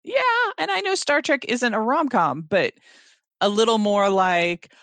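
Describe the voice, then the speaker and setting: A podcast co-host in a casual discussion, talking in an animated, quick way and often acting out quoted lines with a laugh. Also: medium pitch, no room sound.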